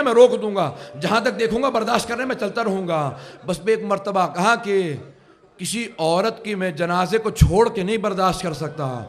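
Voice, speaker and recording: High-voiced male preacher, grieving tone. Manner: slow grieving storytelling, rising to cries. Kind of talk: Muharram mourning sermon. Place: religious centre hall.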